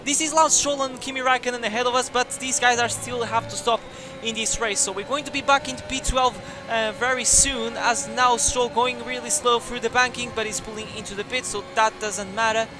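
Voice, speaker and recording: Young male gaming commentator, very high pitched, energetic and jokey, shouts at big moments. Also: fairly quick, over music. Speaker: gaming YouTuber. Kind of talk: excited racing game commentary.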